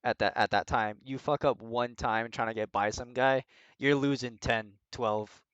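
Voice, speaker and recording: A man co-hosting a podcast talks in long, rambling runs and swears freely. His voice is smooth and clear, recorded dry and close. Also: mid-range voice, steady tone, a little slow, fairly bright tone, no room sound, dull audio. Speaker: co-host. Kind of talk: casual podcast chat.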